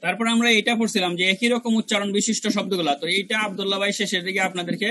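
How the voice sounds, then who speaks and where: High, bright-voiced man teaching recitation. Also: fairly even intonation, slight background noise, poor audio. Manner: demonstrates syllables by repeating them slowly; colloquial, mixes in English words. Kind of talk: online review class teaching Arabic letter pronunciation.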